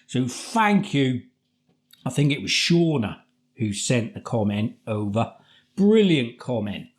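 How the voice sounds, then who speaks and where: A man's voice: medium pitch, sing-song, slow. Middle aged british guy, chatty and informal, reviewing food on camera in his kitchen. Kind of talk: casual review chat to camera. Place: home kitchen, indoors. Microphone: camera across the table.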